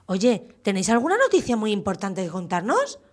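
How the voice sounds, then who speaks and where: A woman's voice: medium pitch, wildly swooping pitch, a little fast, husky. Patient woman coaxing small children. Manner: patient, coaxing, asks many questions. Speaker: teacher hosting a children's school radio show. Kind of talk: gentle questioning talk with small children.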